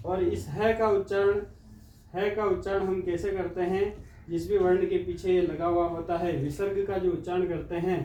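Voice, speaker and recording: A man teaching a Sanskrit exam-prep lesson, slowly drilling letters one by one. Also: sits high, warm tone, slight background noise. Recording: echoey room, mic far off.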